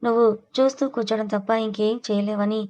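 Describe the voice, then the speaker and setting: A woman's voice: on the high side, steady tone, a little fast, darkish tone, lightly acted. A woman voicing a spirited young bride who speaks in a taunting, cutting way, in an audio story.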